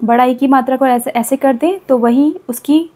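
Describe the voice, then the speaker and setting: Patiently and slowly, a female teacher whose voice sits high and sounds warm goes over Hindi vowel signs for children, saying example words again and again.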